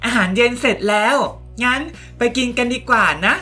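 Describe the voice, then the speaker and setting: A woman's voice: on the high side, a little fast, soft background music. A woman casually retelling a game story and chatting with her viewers. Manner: animated, chatty, addresses viewers.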